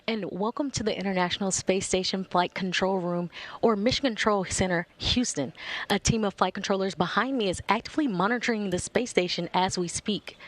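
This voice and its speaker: A woman delivering scripted live commentary as a mission control broadcaster. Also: medium pitch.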